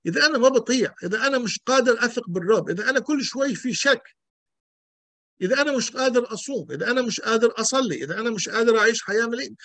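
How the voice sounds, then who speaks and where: A man's voice: very high voice, fairly bright tone, dry recording. A male pastor, teaching an emphatic sermon full of rhetorical questions and repetition.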